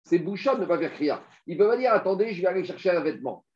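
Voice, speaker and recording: Animated man teaching a Talmud class. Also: high voice, quick pace. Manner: explains step by step, rhetorical questions, animated. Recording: dull lo-fi recording.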